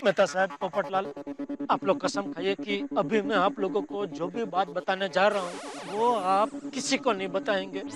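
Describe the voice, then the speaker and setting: An actor playing an anxious middle-aged businessman in a TV sitcom, excitable and flustered, always pleading or hushing. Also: sits high, normal speed, music in the background, natural voice. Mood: secretive. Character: jumpy, anxious middle-aged shopkeeper, comically secretive. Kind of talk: TV sitcom acting.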